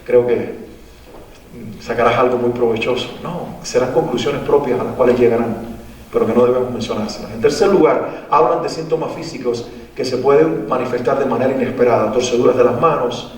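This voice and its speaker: A man's voice: medium pitch, a little fast, darkish tone. A man gives a public lecture to parents in a school theater. He speaks earnestly and repeats phrases for emphasis. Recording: echoey hall, voice from far off.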